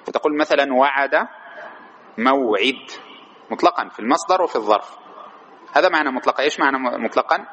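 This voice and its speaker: A man's voice: medium pitch, quick pace, pauses often, sharp tone, a little hiss or hum. Man teaching a grammar class. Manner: calls on students, repeats their answers, stretches key words. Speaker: teacher of Arabic morphology. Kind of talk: classroom lecture with questions to students.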